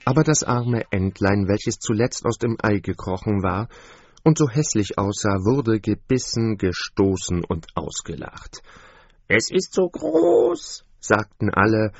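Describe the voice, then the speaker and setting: A man reading a fairy tale aloud in an expressive storybook manner, on a dull, dry recording. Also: fairly low pitch, unhurried, no room sound.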